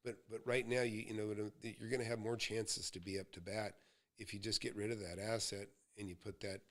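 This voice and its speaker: A man's voice: lowish voice, little pitch movement, brisk, fairly bright tone. A man in his sixties from the United States, hosting a live Q&A and giving real estate advice in a folksy, rambling storytelling way. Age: 60s. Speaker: real estate mentor host.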